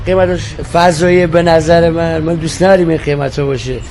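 A man's voice: on the high side, steady tone, a little mellow. A man giving colloquial, opinionated answers in an informal interview recorded on location with vehicles behind him. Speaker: fruit seller in vox pop. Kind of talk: informal vox pop interview. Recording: noisy field recording with vehicles.

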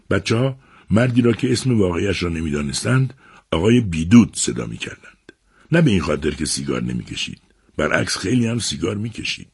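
A man narrating a serialized novel adaptation on a radio book program, with measured, expressive storytelling. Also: deep voice, breathy edge.

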